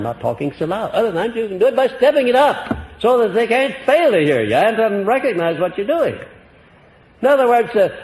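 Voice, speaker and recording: A man's voice: high voice, a little mellow, big-room sound, slight background noise, rough recording. Folksy, emphatic male motivational speaker. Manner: folksy and emphatic, swinging his voice up and down on purpose. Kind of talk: motivational lecture to a live audience.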